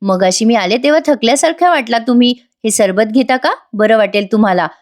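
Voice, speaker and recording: A caring young sister-in-law who speaks politely and soothes the others, read out by a woman. Her voice sits a little high. She sounds like a kind daughter-in-law from a retold TV family serial. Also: a little fast, lightly acted. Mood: soothing. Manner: reassuring, polite.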